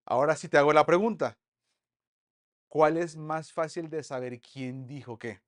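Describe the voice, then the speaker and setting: A man teaching an online Bible study lesson, lively and full of rhetorical questions to the group. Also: on the high side, measured pace.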